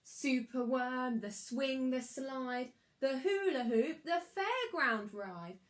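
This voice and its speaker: In a high-pitched voice, a woman reads a rhyming children's storybook aloud the way a teacher might, her delivery expressive, sing-song and deliberate.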